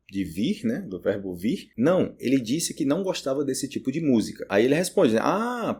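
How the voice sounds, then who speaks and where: A Brazilian man with a husky, slightly rough voice gives a relaxed language lesson from his home. He speaks in a Brazilian Portuguese accent, repeats each phrase several times so learners can copy it, and keeps checking in with a quick "né?". His pitch sits in an ordinary middle range. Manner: repeats words slowly to model pronunciation, asks "né?" often. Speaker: Portuguese teacher. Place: home room by a street with car horns.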